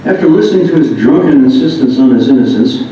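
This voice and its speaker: Reading funny first-person stories from someone else's memoir, this American man has a warm, mid-range voice and an expressive, amused delivery, talking fast. The recording was made in an echoey indoor room with the mic set far away, so it sounds dull and carries a little faint noise.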